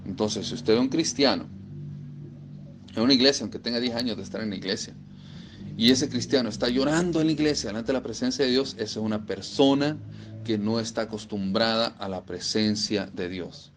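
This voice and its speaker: A man's voice: on the low side, fairly quick, a little hiss or hum. A man preaching a sermon, emphatic and repeating phrases for stress.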